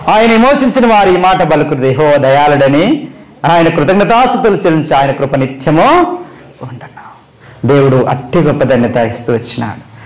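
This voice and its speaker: A man's voice: a little high, poor audio. A man preaching a Christmas sermon, emphatically asking the congregation questions and answering them himself, repeating phrases for stress. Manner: repeats phrases for emphasis, voice rising then dropping at line ends.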